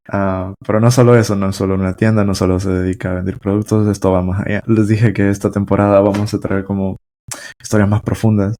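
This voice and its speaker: A man's voice: on the low side, mellow. A man hosting a podcast interview, chatty and loose, with lots of filler sounds and restarts. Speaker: podcast host. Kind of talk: casual interview chat.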